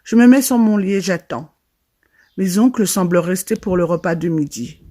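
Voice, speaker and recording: A young woman narrating a first-person horror storytime, with a dramatic and lively delivery. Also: lowish voice, moderate pace. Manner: dramatic, lively retelling with quoted voices.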